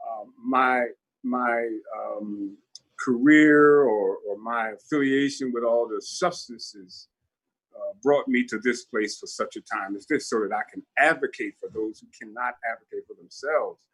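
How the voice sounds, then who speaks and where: Guest speaker, older man in his 70s, husky, candid and reflective testimony. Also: mid-range voice, a bit bright, low-quality recording. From Newark, New Jersey. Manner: reflective, candid storytelling with pauses. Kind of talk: personal testimony at a virtual town hall.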